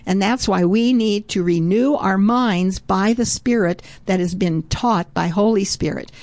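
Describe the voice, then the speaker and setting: A woman's voice: mid-range voice, unhurried, darkish tone, no room sound. A woman preaching a sermon earnestly, often breaking in with "oh" as she speaks.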